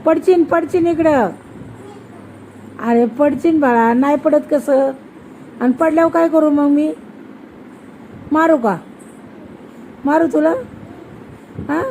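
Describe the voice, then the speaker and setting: A young mother, coaxing her toddler in a slow, sing-song voice and repeating her questions. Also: high voice, mellow, a little hiss or hum, rough recording. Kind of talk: casual coaxing chat with a small child.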